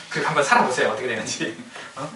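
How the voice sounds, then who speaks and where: A man's voice: mid-range voice, fast, noisy background. A man preaching a casual sermon, teasing the congregation and asking them questions. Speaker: pastor. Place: church sanctuary. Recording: echoey church hall from a distance.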